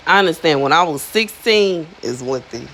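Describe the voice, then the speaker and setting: A woman's voice: low voice, lively intonation, normal speed, fairly bright tone, a little hiss or hum, poor audio. A woman in her thirties giving a casual, chatty monologue to her viewers, slangy and emphatic, often repeating herself for effect. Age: 30s. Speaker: spiritual influencer.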